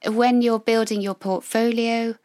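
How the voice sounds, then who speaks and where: A woman with a gravelly voice chatting casually and reflectively as a friendly podcast co-host. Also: on the high side, flat delivery, measured pace, a little mellow, dry recording, clean studio sound.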